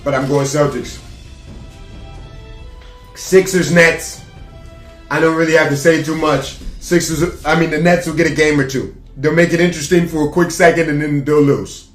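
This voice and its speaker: A man's voice: on the high side, fairly even intonation, normal speed, echoey room, faint music behind. A man casually giving sports playoff predictions to camera, brash and rambling, with plenty of trash talk and fillers. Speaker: sports vlogger.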